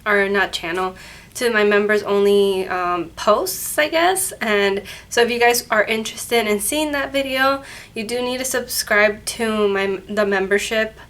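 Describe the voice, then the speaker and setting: Her voice is mid-range, unhurried, and slightly bright, though nasal and congested because of a cold. She hosts a paranormal channel, chatting casually to camera in her office at work, rambling and correcting herself as she goes. There's no microphone, just the camera's mic.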